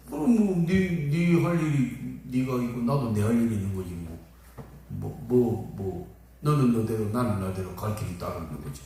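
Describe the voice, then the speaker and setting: An older man preaching as a pastor, telling a folksy story and briefly acting out the people in it. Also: medium pitch. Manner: folksy, acts out quoted people. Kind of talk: storytelling sermon. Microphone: phone camera at a distance. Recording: echoey hall, phone from far off.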